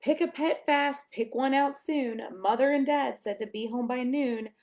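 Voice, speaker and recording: A high-pitched woman reads to children at storytime from a picture book. She is expressive and lilting, pausing for effect and turning now and then to speak directly to her listeners.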